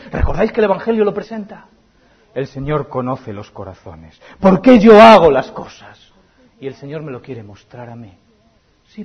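A high-pitched, husky male preacher with a Spain Spanish accent delivers an impassioned sermon. He swings between ringing emphasis and hushed, intimate near-whispers. The recording sounds dull and lo-fi.

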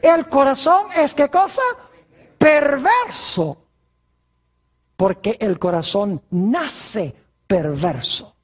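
A preacher giving a sermon, asking rhetorical questions and answering them, stretching key words slowly. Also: medium pitch, lively intonation, breathy edge.

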